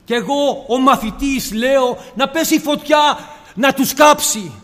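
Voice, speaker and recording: A man's voice: extremely high pitch, fairly bright tone, big-room sound. A man preaching a sermon with impassioned rhetorical questions, addressing his listeners as brothers and sisters.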